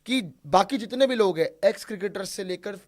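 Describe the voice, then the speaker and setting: A man co-hosting a casual cricket talk show, excitable, repeating his points and laughing as he talks. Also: high voice, brisk.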